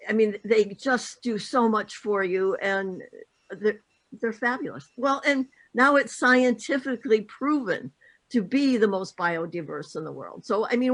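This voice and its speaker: A woman's voice: mid-range voice, measured pace. A woman, a guest on a dive panel, telling enthusiastic stories in casual chat.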